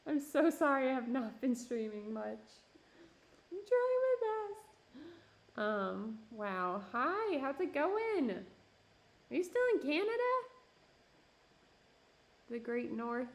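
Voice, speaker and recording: Speaking slowly with frequent pauses, this young Minneapolis–Saint Paul woman chats with her stream while making pottery in her home studio. Her slightly high voice is expressive but starting to go, and she laughs and uses fillers a lot.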